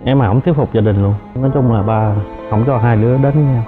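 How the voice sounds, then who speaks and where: A man's voice: medium pitch, fast talker. Shy man in tinny sound. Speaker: guest. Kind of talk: casual interview answers. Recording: tinny, phone-like, with music.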